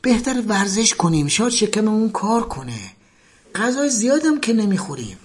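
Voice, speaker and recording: Brief: man reading a tired cellmate; plain, resigned, husky. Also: sits high, sing-song, voice pushed up, exaggerated voice. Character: weary young male fellow prisoner.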